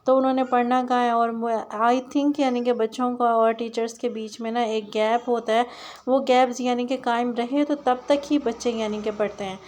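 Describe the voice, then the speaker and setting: Brief: young woman, home vlogger, rambling chatty voice-over, fairly high and quite level in pitch. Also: steady tone, moderate pace, darkish tone. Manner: chatty, rambling, many "na" fillers and restarts. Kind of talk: casual voice-over narration of a home vlog.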